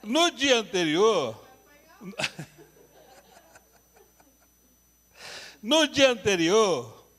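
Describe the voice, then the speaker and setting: A man's voice: high voice, big pitch swings, extremely slow, pauses often, fairly bright tone. A man teaching a couples workshop at church, telling humorous, self-deprecating stories. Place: church hall. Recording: reverberant church hall.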